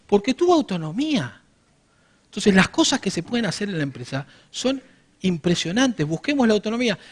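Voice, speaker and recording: A man in his forties with a Rioplatense Spanish accent, giving a business workshop and telling stories straight to the audience. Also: sits high. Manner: animated storytelling, addresses the audience directly. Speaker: workshop speaker.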